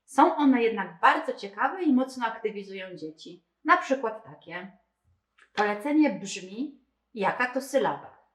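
A woman showing a children's reading game step by step, explaining each move in a calm, methodical way. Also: on the high side. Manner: slow, methodical, talking through each move. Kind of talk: step-by-step demonstration. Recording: roomy indoor echo.

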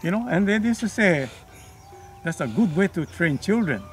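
A man's voice: high voice, sing-song, normal speed, soft background music. Older man reminiscing, folksy. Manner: folksy, reminiscing, asides like "you know". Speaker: museum docent. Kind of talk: casual storytelling. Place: outdoors on a farm.

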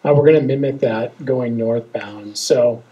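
A man's voice: mid-range voice, measured pace, highs cut off. A man in his forties, a transportation engineer at a town hall podium with a handheld mic, explaining plans in a conversational way with plenty of fillers. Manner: conversational, hedging with fillers, reassuring. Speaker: transportation engineer answering questions. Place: meeting room, indoors.

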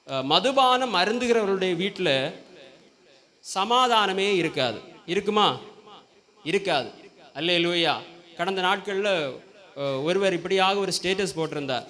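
A man's voice: high-pitched, pushed and bright. A man preaching a Sunday sermon in a church, often asking the congregation questions and prompting them to call back. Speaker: pastor.

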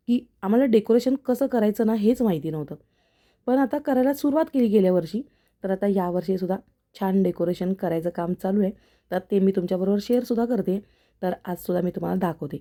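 A woman's voice: mid-range voice, fairly quick, dark tone. A middle-aged woman, talking casually to viewers in a homely cooking vlog. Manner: chatty, homely, addresses viewers directly. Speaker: vlogger, mother.

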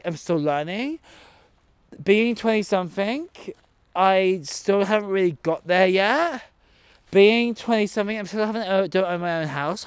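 Speaking in a high, clean-toned voice with no echo, a man in his twenties films a camp, comedic vlog at an outdoor zoo. He holds the phone close and performs with sass and drama. He talks to the animals in the enclosures as well as to the camera.

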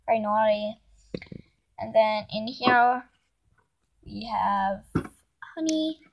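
A young woman films a casual home tour of her toy horse barn on a handheld phone in a carpeted room indoors, hesitating, saying um a lot and correcting herself. Her voice is on the high side with lively intonation, slow and gravelly, and the sound is lo-fi.

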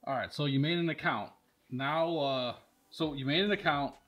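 A middle-aged man with a fairly high, slightly bright voice talks at a normal pace, casually and matter-of-factly walking through a product. He demonstrates products for a powersports tuning shop and is recorded inside a large vehicle workshop.

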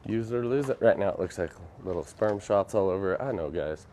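A man's voice: sits low, lively intonation, fairly quick, dark tone, slight background noise. A young man chatting casually and self-deprecatingly with viewers while demonstrating epoxy on a live stream in a workshop. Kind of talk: casual live demo chat. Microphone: phone camera.

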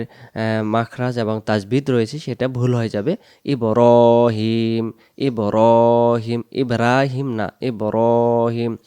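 A man with a Bangladeshi accent teaching religious pronunciation, explaining quickly and then chanting Arabic words slowly and drawn out. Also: mid-range voice, a little mellow, dry recording, studio quality. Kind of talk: recitation lesson.

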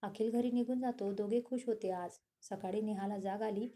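A woman narrating a romantic story, reading in a steady, even way. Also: mid-range voice, moderate pace.

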